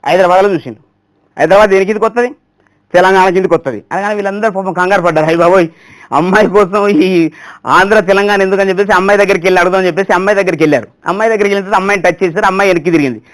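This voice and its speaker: A mimicry artist tells comic stories at a fast clip in a raised, high voice. He switches quickly into different voices as he goes.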